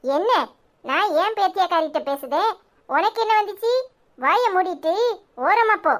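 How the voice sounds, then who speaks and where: A woman voicing a bossy, sharp-tongued old grandmother in a cartoon, with a Tirunelveli Tamil accent. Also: very high-pitched, animated, normal speed. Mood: contemptuous. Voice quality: harsh, sharp-tongued scolding. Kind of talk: cartoon voice acting.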